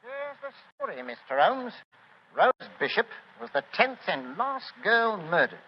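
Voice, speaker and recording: An actor playing a deferential, plodding police inspector with an English accent, speaking hesitantly in a 1940s radio drama. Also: male voice, sits high, sing-song, measured pace. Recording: noisy, dull 1940s radio recording.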